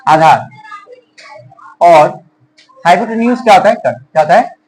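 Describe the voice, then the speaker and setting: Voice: mid-range voice, animated, normal speed, darkish tone, low-quality recording. A teacher giving a classroom math lesson, asking the pupils a question and then repeating the answer back to them. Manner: addresses pupils as children and dear.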